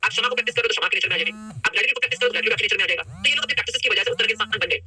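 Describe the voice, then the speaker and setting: A middle-aged woman leading a live online workshop, energetic and coaxing, often putting questions to the group through a laptop mic on a video call. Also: a little high, racing. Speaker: workshop coach.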